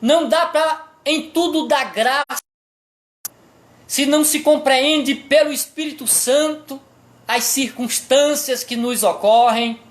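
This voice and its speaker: Preaching slowly in a high-sitting voice, a pastor with a Brazilian accent questions his congregation rhetorically and emphatically presses each point of the sermon.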